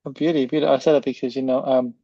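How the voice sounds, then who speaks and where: Fast-talking, gravelly New man. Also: mid-range voice, fairly even intonation, mellow, dry recording, dull audio. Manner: effusive, repeats words for emphasis. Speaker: podcast host. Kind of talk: casual interview.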